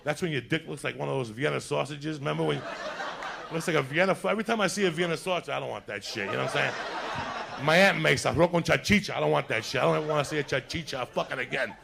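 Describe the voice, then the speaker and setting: A man from New City, telling a crude, animated story and laughing through it. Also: a little high, fast, vocal fry, a crowd in the background. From New York City. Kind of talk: profane comedic storytelling.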